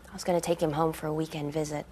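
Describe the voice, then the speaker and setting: A woman's voice: deep voice, little pitch movement, rapid-fire, dark tone, a little hiss or hum, lightly acted. An actress playing a tired young female medical resident who talks in a strained way. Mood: bitter.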